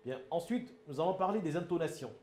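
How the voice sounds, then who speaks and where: Man with Cameroonian French accent, public speaking trainer, higher mellow voice, emphatic and pointed, in an echoey room. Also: animated, fast talker. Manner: emphatic, asks the audience if it is clear. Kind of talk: instructional talk.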